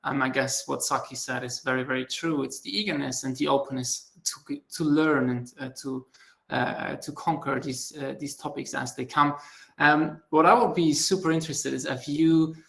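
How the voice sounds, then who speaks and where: A man hosts a casual panel over a video call, friendly and halting, often doubling his words as he feels his way into a question. His voice sits in an ordinary middle range with a noticeably gravelly edge. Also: medium pitch, steady tone, a bit bright. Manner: friendly, hesitant, repeats words while asking questions. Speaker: panel moderator.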